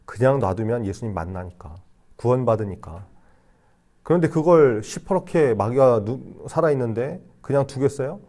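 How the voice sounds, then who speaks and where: A man preaching to young people in a relaxed, chatty way. He speaks at an ordinary middle pitch with a dark, mellow tone. He keeps asking his listeners questions and acts out short lines in other voices. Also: normal speed. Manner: conversational preaching with acted-out voices and rhetorical questions. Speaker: youth pastor. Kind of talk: sermon. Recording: re-recorded sermon broadcast.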